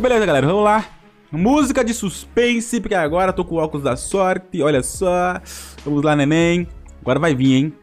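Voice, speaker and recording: Man, young adult, Brazilian accent, animated game commentary, high voice, soft background music. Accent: Brazilian Portuguese. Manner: animated, groaning and laughing at bad luck. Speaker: mobile football game YouTuber. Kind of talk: excited gameplay commentary.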